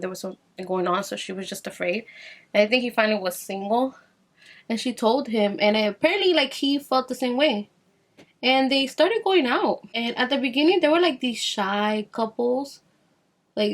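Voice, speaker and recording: A young woman vlogger chatting casually through a personal story while doing her makeup, full of fillers and asides, dropping quieter as she concentrates. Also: mid-range voice. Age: young adult. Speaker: beauty vlogger.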